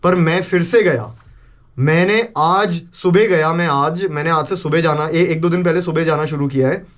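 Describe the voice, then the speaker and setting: A young man vlogging casually, retelling a story in an animated way and mixing in English phrases and swearing. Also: fairly high pitch, normal speed.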